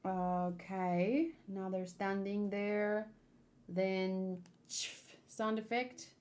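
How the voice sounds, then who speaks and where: This manga read-along features a woman whose medium-pitched, darkish voice stays fairly even and stretches out her words. She chats informally between passages, improvising commentary and lightly performing the dialogue.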